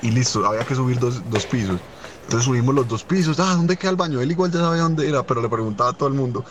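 A young man telling a funny anecdote in a rapid, rambling, amused way. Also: mid-range voice, noisy background. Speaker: storyteller. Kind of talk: casual anecdote.

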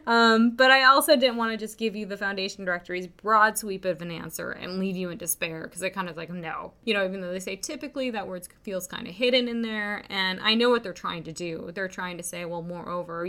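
A woman's voice: mid-range voice, bright, forceful tone. A woman hosting a podcast on grant funding, talking in an upbeat, chatty way with light laughs between points. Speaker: podcast host and grant writing consultant. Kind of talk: casual podcast monologue.

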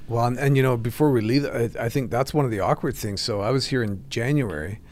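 A man's voice: mid-range voice, quick pace, a little mellow, a little hiss or hum. A man chatting as a guest, explaining things in an easygoing way. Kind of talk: casual chat.

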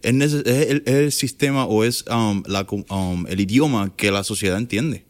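A fairly low-pitched man in his thirties with a Puerto Rican accent speaks as an interview guest. He talks casually and frankly, slips English words in and restarts his sentences. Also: moderate pace. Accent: Puerto Rican Spanish. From Puerto Rico. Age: 30s. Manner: mixes English words, many restarts and fillers. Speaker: guest entrepreneur.

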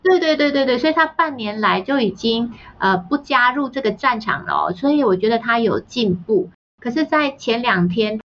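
A woman's voice: on the high side, slight background noise. A woman, a parenting author telling family anecdotes as a podcast guest and mimicking the voices of her family. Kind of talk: storytelling in a podcast interview. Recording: slightly dull, muffled sound.

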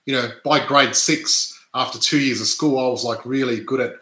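A man from Adelaide talks in a relaxed, rambling way, often checking in with "right?" and restarting his sentences. His voice is bright and forward, and it bounces in an echoey room. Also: medium pitch, moderate pace. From Australia (Adelaide). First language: not English; parents were immigrants. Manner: chatty, tags statements with "right?", many restarts. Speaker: podcast co-host, real estate investor. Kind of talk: casual chat.

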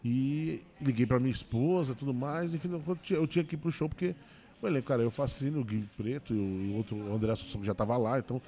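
Fast-talking comedian telling a story. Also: male voice, medium pitch, mellow. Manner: fast, emotional retelling with many restarts. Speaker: stand-up comedian. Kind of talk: storytelling in a casual interview.

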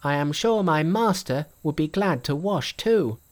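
Guy putting on a squeaky brash monkey sage, boastful and teasing, voice jumping all over, from an old storybook. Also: expressive, a little slow. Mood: cheeky. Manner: high, bold, teasing. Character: cheeky boastful male monkey sage, ageless.

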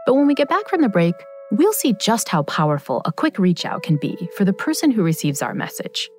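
A woman's voice: mid-range voice, big pitch swings, fairly quick, soft background music. A woman hosting a podcast in scripted, explanatory narration. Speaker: podcast host.

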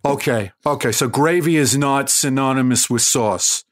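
A man playing a polite, puzzled New Yorker with a Queens accent and a halting, hedging delivery, in an improvised comedy scene. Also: medium pitch, lightly acted. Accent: Queens, New York.

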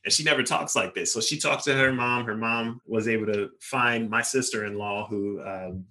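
A young man with a bright, forward voice tells stories about his life on tour. His delivery is lively and casual, full of quick asides and punchlines, and his pitch sits in the middle of the range. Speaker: guest, touring basketball player. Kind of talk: casual interview storytelling.

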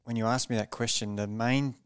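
A man, a former racing cyclist, telling a story as a podcast guest in a measured, low-key way and often restarting his phrases. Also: fairly even intonation, clean tone, dry recording. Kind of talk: reflective storytelling in a podcast interview.

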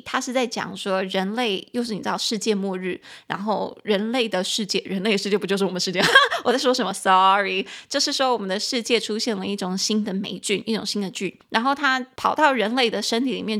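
A woman with a Taiwanese Mandarin accent hosts a casual podcast lesson on English. She talks in a chatty way, spells words out slowly and corrects herself as she goes. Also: medium pitch, fairly bright tone. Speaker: podcast host teaching English.

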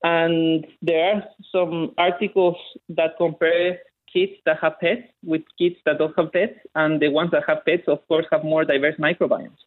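A man's voice: fairly high pitch, little pitch movement, normal speed. A man with a thick Chilean accent and Spanish as his first language, explaining results casually in an interview over the phone. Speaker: bioinformatician, interview guest. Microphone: phone call. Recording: narrow tinny phone line.

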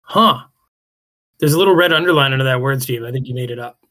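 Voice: mid-range voice, fast, sharp tone. A podcast co-host in casual chat, playful and teasing.

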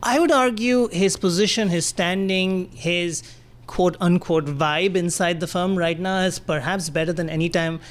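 A man with a slightly high voice talks through the story fluently and thoughtfully. He builds careful, hedged arguments in a conversational tone. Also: unhurried. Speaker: finance reporter guest. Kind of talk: news analysis in conversation.

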